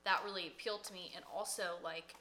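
A woman's voice: fairly low pitch, fairly even intonation, fast, sharp tone, slight background noise. A woman hairstylist co-hosting a podcast from home, giving casual advice with many fillers. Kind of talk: casual chat.

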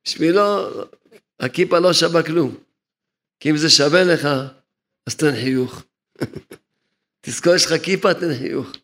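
A man's voice: a little high, pauses often, a bit bright. A man teaching a religious lesson, explaining his points over and over and chuckling at his own remarks. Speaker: rabbi teaching a Torah lesson.

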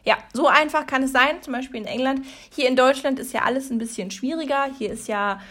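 Chatty, self-mocking woman, fairly high voice. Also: a little fast, fairly bright tone. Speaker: vlogger. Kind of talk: humorous casual monologue. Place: her room at a desk by a window.

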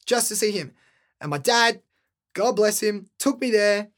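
A man's voice: sits high, measured pace. A man, a guest rapper telling stories in a casual, swearing, laughing way. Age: 20s. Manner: animated, swearing, laughing storyteller. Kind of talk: casual storytelling.

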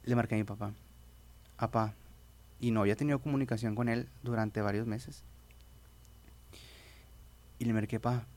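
A man's voice: mid-range voice, steady tone, fairly quick, long pauses, warm tone. A young Mexican man with a Spanish accent from Mexico, telling a personal faith testimony in a rambling, casual way with frequent restarts. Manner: rambling storyteller, many restarts, says "brother". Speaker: guest.

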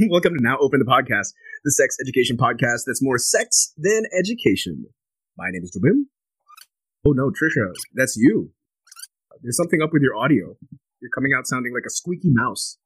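A man's voice: medium pitch, big pitch swings, normal speed, long pauses, fairly bright tone, breathy edge, rough recording. Playful young man hosting a podcast. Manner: playful, jokey, alliterative wordplay. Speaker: podcast host. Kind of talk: casual podcast chat.

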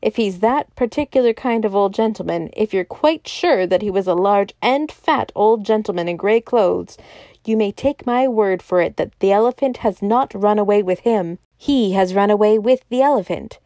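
A woman's voice: medium pitch, moderate pace, warm tone, no echo, natural voice. A woman voicing a wry, composed young male detective who reasons dryly.

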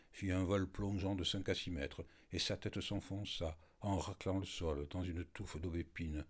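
Male audiobook narrator, low husky voice, expressive storytelling. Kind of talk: literary narration.

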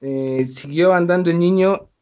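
A young Mexican man on a casual chat show, telling a listener's eerie story in loose slang and laughing now and then. His voice sits a little high for a man. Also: measured pace, mellow, highs cut off. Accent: Mexican Spanish. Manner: slangy, laid-back, laughs between lines. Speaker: podcast co-host reading a listener's story.

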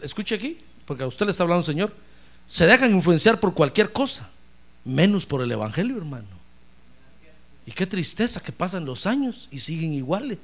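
Pastor guy preaching hard, gravelly voice, pitch swings all over. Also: a bit bright. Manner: impassioned preaching, repeatedly addressing listeners as brother. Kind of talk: sermon.

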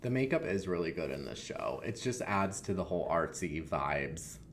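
A woman's voice: very deep voice, very animated, moderate pace, a little hiss or hum. A woman co-hosting a podcast in casual chat. Her talk is laid-back, with trailing sentences and frequent "like" fillers. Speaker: podcast co-host.

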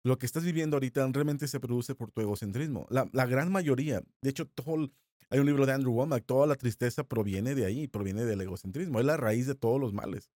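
A man's voice: mid-range voice, a little mellow, dry recording, clean studio sound. Mexican man teaching a Bible lesson. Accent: Mexican Spanish. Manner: conversational, repeats phrases slowly for emphasis. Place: small studio.

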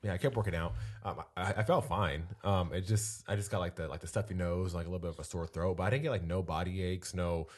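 A young man with a very low voice, dropped further by a recent cold. He chats loosely on a podcast, filling pauses with "um" and "like". He slips in the odd joke. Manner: relaxed, many fillers, jokey. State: deep voice from a cold. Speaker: podcast co-host. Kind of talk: casual podcast chat.

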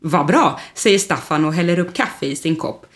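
A woman narrating a children's storybook with expressive, lively delivery. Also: on the low side.

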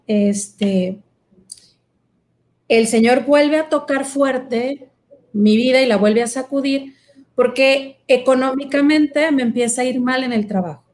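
A woman shares her personal testimony in a relaxed interview. Her voice sits a little high, and she talks earnestly with plenty of fillers and pauses. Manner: earnest, storytelling, many fillers. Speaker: guest sharing her vocation testimony.

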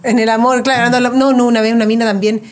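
A woman's voice: fairly high pitch, fast. A young adult woman with a Chilean accent, a stand-up comedian telling stories in casual chat, acting out the voices of people in them. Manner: animated storyteller, acts out voices.

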